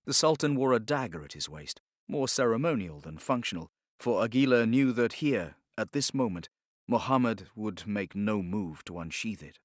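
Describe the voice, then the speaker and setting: This audiobook narrator, a man with a fairly low voice, delivers dramatic fiction in an animated way, yet measured, solemn, and carefully scripted. The recording is close and dry, with no room sound.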